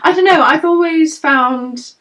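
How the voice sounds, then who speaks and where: A woman's voice: high-pitched, unhurried, fairly bright tone. A young woman from Wales with a Stoke accent, chatting casually as a podcast co-host. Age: young adult. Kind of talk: casual chat.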